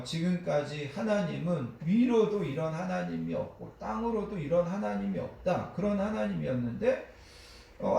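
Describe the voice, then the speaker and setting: Korean pastor guy preaching, gravelly voice, kinda high, big echo in the church. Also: a little mellow. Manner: preaching with frequent fillers, acting out quoted prayers. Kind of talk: sermon. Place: church sanctuary. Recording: very echoey church sanctuary.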